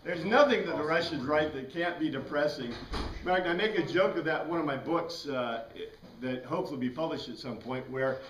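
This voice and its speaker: In a small classroom furnished with a whiteboard and bookshelves, a middle-aged teacher with an American accent rambles through an informal lecture, posing questions to the class. He speaks a little fast with few pauses in a high, slightly bright voice, heard via a far camera in an echoey, noisy room.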